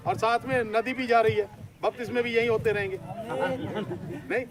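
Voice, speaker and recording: High-voiced man preaching outdoors to a crowd. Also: steady tone, a little slow. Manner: exhorting, leads call-and-response with the crowd. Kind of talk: outdoor sermon at a church picnic. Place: outdoors by a river. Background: crowd of listeners.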